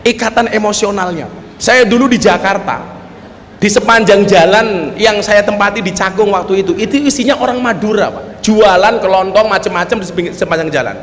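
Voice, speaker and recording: A man's voice: sits high, normal speed, a bit bright, big-room sound, slight background noise. A man preaching a humorous sermon at a public gathering, telling jokey stories and often turning to address the audience directly. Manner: joking storyteller, often turning to the audience with "Pak". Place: public gathering with local officials.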